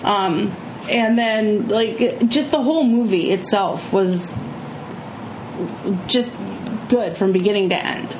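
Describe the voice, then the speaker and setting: Slow-talking woman with vocal fry, echoey room. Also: medium pitch. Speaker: co-host of a movie review show. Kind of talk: casual movie discussion. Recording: echoey room with clear background noise.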